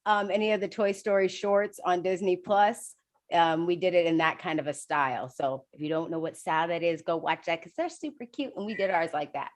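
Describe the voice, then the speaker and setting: A woman's voice: fairly low pitch, brisk. A woman co-hosting a casual podcast over a video call, bubbly and upbeat. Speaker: co-host. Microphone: video call mic.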